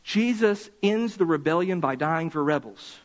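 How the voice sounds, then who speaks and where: Pastor guy preaching a sunday sermon, pretty high voice, gets fired up and slows down on the big lines. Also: expressive. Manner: impassioned preaching, slowing for emphasis. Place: church sanctuary.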